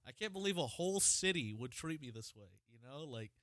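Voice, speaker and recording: A man's voice: a little high, brisk, no room sound. A man co-hosting a podcast in casual chat, ranting with lots of swearing. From Ohio, United States. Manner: profane, animated ranting. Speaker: podcast co-host.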